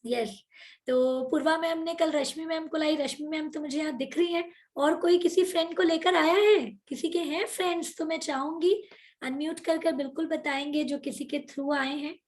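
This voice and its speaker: A woman hosting an online motivational workshop over a video call, energetic and coaxing, mixing English words into her Hindi. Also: sits high, moderate pace.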